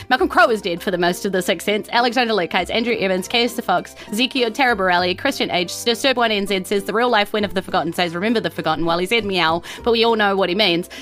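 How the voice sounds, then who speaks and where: A woman with a New Zealand accent and a medium-pitched, fairly bright voice hosts a tabletop game podcast as its game master. She is informal, rambling and self-deprecating, mixing casual live-streamed game narration with a chatty sign-off. Faint music plays in the background.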